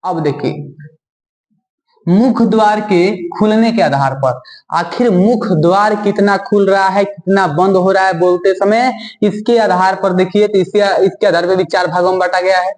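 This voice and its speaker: A man with a high voice teaches a Hindi grammar lesson, repeating key terms and putting quick questions to the class. He draws vowel sounds out slowly and deliberately. His voice rings in an echoey classroom. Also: fairly even intonation, a little mellow.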